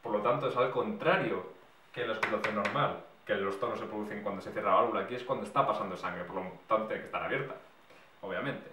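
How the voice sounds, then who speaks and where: A man's voice: lowish voice, quick pace, background noise. A man giving a medical exam lesson, explaining step by step and recapping in short lists. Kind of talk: explanatory lecture. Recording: echoey room, mic at a distance.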